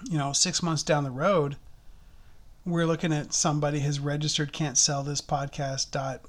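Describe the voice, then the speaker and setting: A man's voice: a little high, flat delivery, moderate pace. A man co-hosting a podcast in casual chat, rambling and laughing often as he talks. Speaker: podcast co-host. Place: Toronto, Canada.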